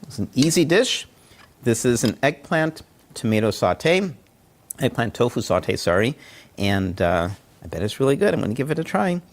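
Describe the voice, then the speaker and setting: Over a video call from his home kitchen, a man demonstrates a dish, chatting encouragingly as he cooks and tastes. His medium-pitched voice is sing-song and moves at normal speed, with faint background noise.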